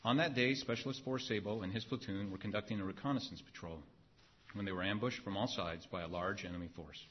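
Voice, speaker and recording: A man reading an award citation at a ceremony in a measured, solemn, formal way. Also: lowish voice, husky. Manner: measured, solemn, evenly phrased. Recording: dull lo-fi recording.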